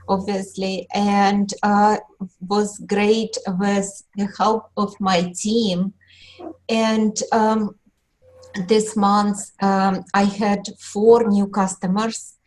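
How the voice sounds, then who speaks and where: A woman talks on a group call in a hesitant way, stopping often for ums and uhs. She speaks at a slow, unhurried pace. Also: medium pitch, a little mellow, low-quality recording. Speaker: team member being recognized. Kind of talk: casual speech on a group call.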